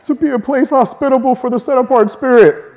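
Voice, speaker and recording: A very high-pitched male voice, captured with lo-fi sound, delivers an earnest teaching sermon. He sounds a little strained, breaks into fast bursts of speech, and laughs softly at times.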